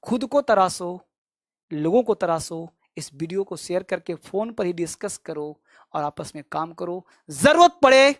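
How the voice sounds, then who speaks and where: Emphatic, high-voiced male English tutor. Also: dry recording, clean studio sound. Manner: drills phrases by repetition, loud and emphatic; fiery motivational pep talk. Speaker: English teacher. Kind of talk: online spoken-English lesson.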